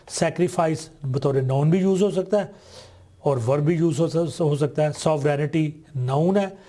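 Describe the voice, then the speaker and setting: Pakistani male tutor, mellow, slightly high voice, reads English lines slowly. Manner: slow, deliberate reading of English sentences. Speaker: teacher. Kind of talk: explaining textbook exercises.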